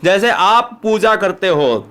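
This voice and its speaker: A man with a Bihari Hindi accent teaching an exam-prep grammar lesson, speaking straight to his students and asking them quick rhetorical questions. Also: sits high, animated, a bit bright. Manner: addresses students directly, asks rhetorical questions.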